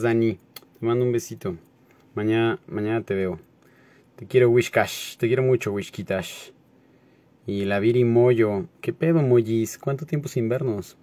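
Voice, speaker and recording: A man with a Mexico City accent hosts a casual late-night livestream at home. He talks in a relaxed, slangy way and greets viewers one by one. His mid-pitched voice is recorded close, in a dry room. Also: no room sound. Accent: Mexico City Spanish. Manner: laid-back, slangy, greets viewers by name, laughs often.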